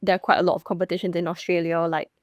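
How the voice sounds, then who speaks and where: A young woman from Singapore speaks in a relaxed interview as a professional golfer. Her voice sits low, and the sound is dry and close with no room around it. She talks casually, full of fillers and small restarts. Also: very fast, dry recording. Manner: chatty, many fillers and restarts.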